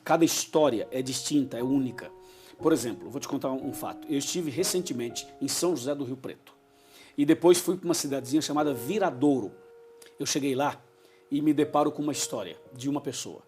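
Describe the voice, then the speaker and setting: A man's voice: mid-range voice, brisk, a little mellow, soft background music. A man, a pastor telling emotional anecdotes as a TV interview guest and acting out what people said. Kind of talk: storytelling in a TV interview.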